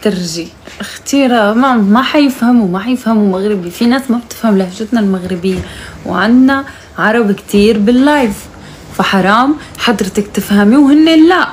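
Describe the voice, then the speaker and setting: Young moroccan woman chatting on a live stream, talks fast, teasing, faint noise behind her. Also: medium pitch. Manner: chatty, teasing, calls out loudly to her mother. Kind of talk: casual live-stream chat.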